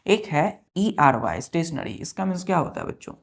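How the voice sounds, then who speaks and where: A woman with an Indian accent teaches vocabulary patiently, spelling words letter by letter and checking that her students keep up. Her low, gravelly voice is very animated and a little fast.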